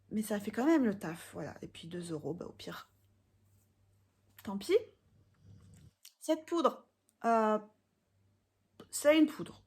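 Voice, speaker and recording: A woman's voice: medium pitch, darkish tone. A young woman from France giving a casual makeup product review, chatty and hesitant with frequent fillers. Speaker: beauty vlogger.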